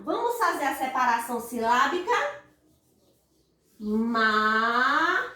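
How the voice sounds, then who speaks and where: A woman's voice: sits high, animated, takes it slowly, fairly bright tone. A woman teaching a grammar lesson to primary school children with a Brazilian Portuguese accent, drawing out stressed syllables in sing-song calls. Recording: echoey room, voice far from the mic.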